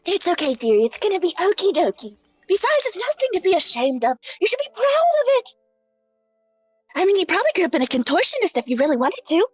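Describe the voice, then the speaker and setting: A woman's voice: very high voice, very animated, fast talker, no room sound, dull audio, faint music behind. A woman voicing a small, cheeky, motherly character in a tabletop game, cooing endearments and cutesy catchphrases. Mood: soothing. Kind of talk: tabletop role-play.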